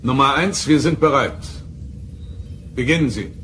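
An actor playing a commanding starship captain in a German audio drama, formal, crisp and stern. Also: male voice, mid-range voice, animated, a little slow, a bit bright, slight background noise. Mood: brisk.

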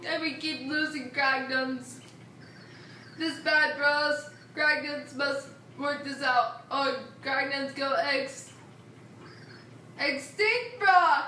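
A woman voicing a worried old caveman village elder in a video game, with halting, pleading broken speech and slang. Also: high-pitched, pushed and bright, full character voice. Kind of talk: reading video game dialogue aloud. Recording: roomy, distant mic, faint noise.

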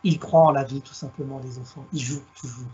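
A middle-aged guest storyteller from Alsace, France, shares a reflective talk via headset on a video call from a home room. His mid-range voice holds a steady, darkish tone with slight roughness, and the recording sounds muffled. He speaks in a measured, reflective way and enjoys wordplay.

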